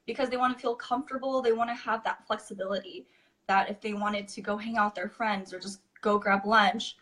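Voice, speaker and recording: A woman's voice: mid-range voice, steady tone, fairly quick, a bit bright. A woman in her twenties from California, a guest chatting easily in an interview, often saying "you know" and "like". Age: 20s. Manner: easygoing, frequent "you know" and "like". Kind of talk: casual interview chat.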